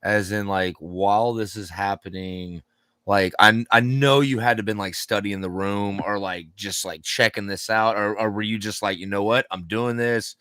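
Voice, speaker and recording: Low-voiced man hosting a loose chat. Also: steady tone, moderate pace, a bit bright, clear, resonant tone, dry recording, clean studio sound. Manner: rambling, swearing, frequent fillers and restarts. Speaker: podcast host. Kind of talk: casual interview chat.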